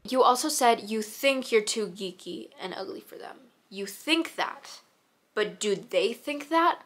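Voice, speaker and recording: High-voiced teenage girl giving casual advice. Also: lively intonation, unhurried, fairly bright tone. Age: teens. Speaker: host reading viewers' confessions and giving advice. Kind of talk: casual advice chat and reading submissions aloud.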